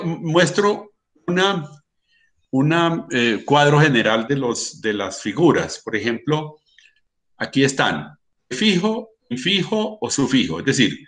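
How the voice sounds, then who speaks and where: A man's voice: a little high, fairly bright tone. Colombian male music lecturer, methodical, filler-heavy explaining. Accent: Colombian Spanish. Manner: explanatory, sings rhythms in syllables, many fillers. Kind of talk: online lecture.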